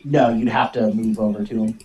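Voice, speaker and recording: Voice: medium pitch, steady tone, a little fast, darkish tone, highs cut off, slight background noise. A game master talking casually and animatedly while running a tabletop role-playing game.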